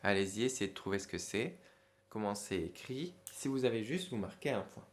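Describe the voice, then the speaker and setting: A man with a lowish voice speaks a little quickly, teaching a school dictation lesson. He patiently spells words letter by letter and hums in place of the hidden words. The room is echoey, with faint noise.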